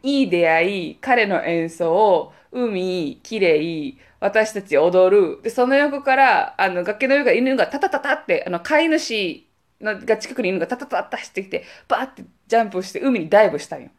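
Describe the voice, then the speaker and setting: 明るい関西なまりの若い女性が、くだけた雑談の中で身振りたっぷりに旅先の思い出を語る。. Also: female voice, medium pitch, moderate pace. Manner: animated, acts out quoted voices. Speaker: podcast co-host. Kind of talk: casual storytelling chat.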